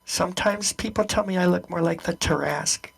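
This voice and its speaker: A woman's voice: fairly low pitch, fairly quick, creaky, slightly rough, full character voice. A woman voicing a curious, chatty young dragonborn orphan child in a tabletop game. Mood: defensive. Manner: chatty, inquisitive.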